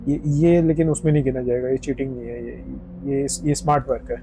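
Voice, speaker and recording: A young man from India giving casual gameplay commentary, excitable, repeating words in quick bursts and mixing English gaming slang into his talk. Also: medium pitch, a little hiss or hum. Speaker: gaming streamer.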